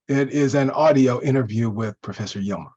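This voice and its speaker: A man, a minister, giving a measured, formal historical tribute at a church service. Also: medium pitch, warm tone, lo-fi sound. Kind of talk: church talk introducing a recording.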